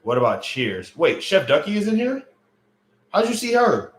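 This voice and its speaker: This livestream host, a man in his late thirties, has a high voice with huge pitch swings and a moderate pace. He chats loosely, joking about viewer comments and using lots of fillers. A roomy echo colors his home stream mic.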